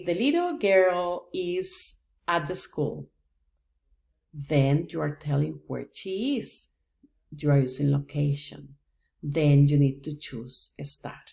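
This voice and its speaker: A woman's voice: low-pitched, slow pace, vocal fry, a little mellow. A woman from Rica, teaching a patient, step-by-step language lesson. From Costa Rica. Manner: patient, explains step by step with examples. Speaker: Spanish teacher. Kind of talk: slow, deliberate language lesson.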